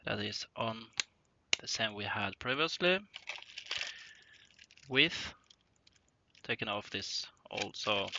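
A man casually narrating an unboxing of simulator parts at his desk, thinking aloud with hesitant pauses. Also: medium pitch. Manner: slow, halting, thinking aloud with frequent pauses. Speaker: hobbyist unboxing flight simulator cockpit parts. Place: indoor workshop room at a desk. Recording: dull lo-fi sound with clear rustling and clicking noise.

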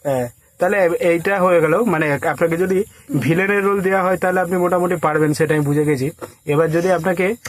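A prank caller pretending to be a film casting agent talks in a casual, persuasive way, coaxing the listener and handing out instructions. His voice is fairly high and brisk, and the recording is dry.

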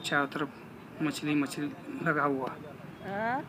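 A man talks through a casual walking vlog, his voice sitting a little high for a man. He narrates into a phone held at arm's length in an outdoor market, calmly pointing out what he sees. Street noise and passing traffic run clearly under his voice. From India. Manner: plain, unhurried tour-guide commentary, pointing things out. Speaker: vlogger.

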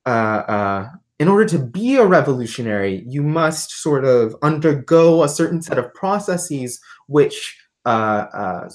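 A woman's voice: very deep voice, very animated, unhurried, few pauses. A woman guest on a livestream, explaining ideas thoughtfully with many fillers and restarts. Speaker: guest, artist and philosophy tutor. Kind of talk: livestream conversation.

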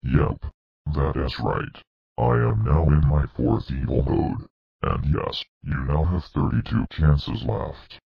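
A synthetic male text-to-speech voice playing a demonic, menacing evil purple dinosaur, gloating and threatening in a slow, deliberate way. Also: very deep voice, expressive, creaky, husky, full character voice. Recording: dull muffled lo-fi audio.

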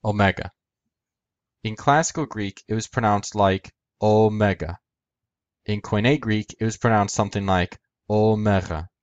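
A man's voice: lowish voice, normal speed, few pauses, dry recording, lo-fi sound. A man hosting an educational video, narrating a methodical scripted explanation step by step.

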